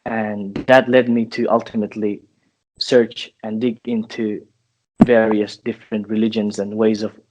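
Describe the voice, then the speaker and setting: A man in his twenties from Finland, a guest answering interview questions in a thoughtful, halting way with restarts. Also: lowish voice, little pitch movement, noisy background. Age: 20s.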